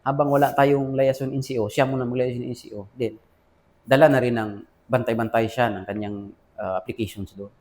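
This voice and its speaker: A man's voice: medium pitch, steady tone, a little fast, darkish tone. A man with a Filipino accent, an army officer recounting his career in a casual interview, often saying sir and quoting past conversations. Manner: addresses listener as sir often, quotes dialogue.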